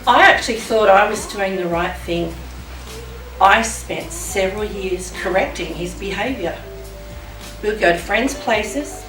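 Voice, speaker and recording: A woman's voice: medium pitch, a little slow, a bit bright. A middle-aged woman performing a dramatic spoken monologue on stage as a mother telling her story. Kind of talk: staged spoken-word monologue over music. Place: large hall at a live show. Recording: echoey hall, distant mic, music behind.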